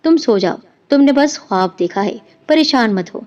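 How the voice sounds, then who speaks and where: A woman voicing a worried young husband who speaks calmly and soothingly. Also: fairly high pitch, natural voice. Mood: uneasy. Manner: calm, soothing. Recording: dull lo-fi with music behind.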